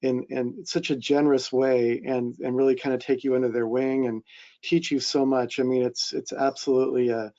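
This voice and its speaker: A male editor answers a panel question in an earnest, reflective way, with many fillers between his thoughts. His voice is dark and mellow at a mid pitch. The sound comes through a dull, lo-fi line. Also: level tone, normal speed.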